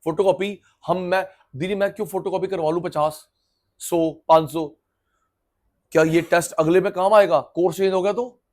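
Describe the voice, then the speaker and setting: A middle-aged man giving a lively, chatty classroom economics lecture, acting out students through everyday examples. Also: high voice, normal speed. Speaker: economics teacher.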